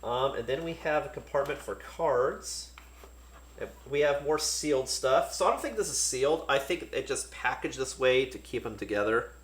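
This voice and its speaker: A man casually talking through a board game unboxing, relaxed and thinking aloud with many fillers. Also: mid-range voice, moderate pace, roomy sound.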